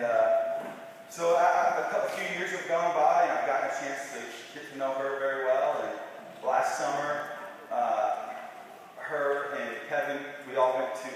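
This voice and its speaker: Young male, rambling best man speech, halting and informal; heavily reverberant room, faint noise. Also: medium pitch. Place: reverberant wedding reception room. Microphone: distant microphone in the room. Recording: very echoey hall, distant mic, faint noise.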